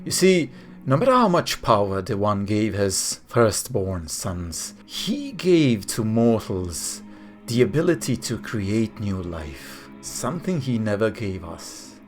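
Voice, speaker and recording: A man voicing a grave, wise ancient male archangel in a tabletop game, speaking slowly and formally. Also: on the low side, very animated, faint music behind, pitched below the performer's own voice. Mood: solemn. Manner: solemn, slow and formal.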